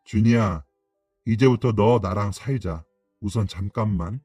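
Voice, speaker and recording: A man's voice: lowish voice, unhurried, warm tone, husky, no echo, clean studio sound, faint music behind. A man playing a scruffy bearded uncle who speaks firmly and earnestly in a radio story.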